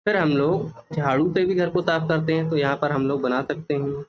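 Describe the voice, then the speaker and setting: A man teaching a children's English workbook, slowly repeating words and their meanings. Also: a little high, steady tone, highs cut off. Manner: slow, repeats each word and meaning for children.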